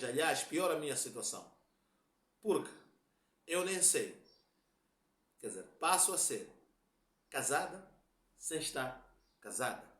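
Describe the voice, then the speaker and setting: A man's voice: medium pitch, fairly bright tone, reverberant. A man with a Mozambican Portuguese accent giving a religious lesson, explaining step by step and often checking that listeners follow. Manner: explanatory, repeats points, asks "tá claro?". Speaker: religious teacher. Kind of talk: lecture explaining a hadith.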